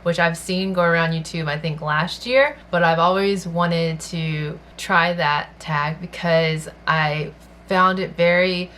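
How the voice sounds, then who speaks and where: A woman's voice: lowish voice, slow pace, slight background noise. A young woman vlogger, born in China and raised in the American South, chatting casually about her life while doing her makeup. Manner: soft-spoken, personal storytelling while doing makeup. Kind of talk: casual get-ready-with-me chat.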